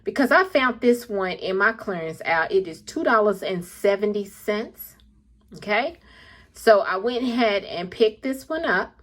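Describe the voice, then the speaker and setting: A woman's voice: mid-range voice, a bit bright. A woman vlogger casually walking viewers through her shopping haul, calling them y'all and checking in with "okay?" after most points. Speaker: couponing vlogger.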